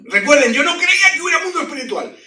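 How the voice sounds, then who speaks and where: His voice is extremely high and his pace quick as he shares his testimony in sermon form. Full of jokes and sound effects, the animated telling echoes through a hall, captured by a faraway mic.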